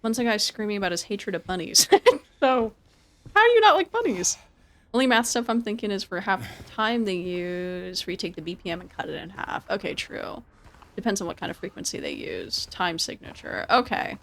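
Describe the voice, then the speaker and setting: This game streamer offers casual live commentary and chats informally with her viewers, often repeating words and phrases. Her mid-range voice is animated and a bit bright, at a moderate pace.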